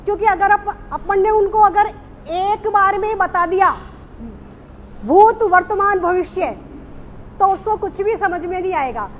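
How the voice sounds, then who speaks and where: A woman's voice: very high voice, unhurried, a little hiss or hum. A woman speaking to a small group at a speaking workshop, reflecting on what she has learned, hesitant, with many fillers and restarts. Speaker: workshop participant.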